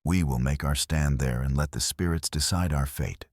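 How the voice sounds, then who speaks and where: A man voicing a stern, weathered old Apache elder who speaks in a grave, measured, formal way. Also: very deep voice, a little mellow, no room sound, clean studio sound.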